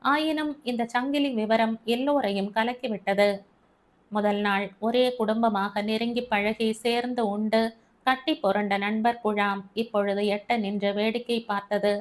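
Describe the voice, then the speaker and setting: A woman narrating a first-person short story in a measured, steady reading. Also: a little high.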